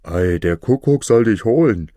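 A man voicing a brash, bold hunter in a fairy tale, talking briskly. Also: on the low side, animated, warm tone, no room sound. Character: brash adult male hunter.

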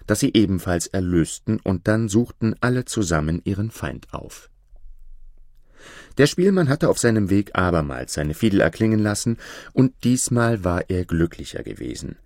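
A man reading a fairy tale aloud, narrating in an expressive storytelling manner. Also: deep voice, no echo, studio quality.

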